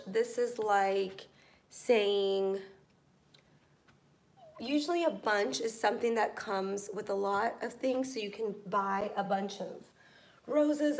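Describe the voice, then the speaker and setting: A young American woman teaching English in a live online class, patient and encouraging, reading out students' comments. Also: mid-range voice. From United States.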